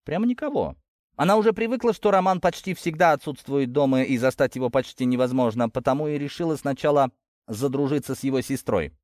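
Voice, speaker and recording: A man narrating a novel in an expressive storytelling manner. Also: medium pitch, quick pace, no room sound, studio quality. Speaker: audiobook narrator. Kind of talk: scripted narration.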